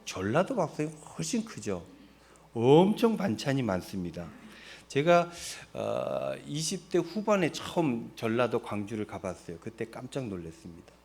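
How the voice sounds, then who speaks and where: A man's voice: medium pitch, sing-song, normal speed, a little mellow. A middle-aged Korean man from Seoul, preaching a sermon in a chatty way, asking his congregation questions and answering them himself. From Seoul, South Korea. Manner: conversational, asks the congregation questions and answers them, laughs at his own jokes. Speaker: pastor.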